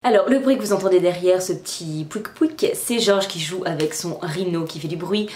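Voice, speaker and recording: A woman's voice: lowish voice, fairly quick, a little mellow, echoey room, a little hiss or hum. A young woman casually narrating a makeup tutorial step by step at home, chatty, with frequent fillers. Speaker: beauty vlogger. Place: room at home.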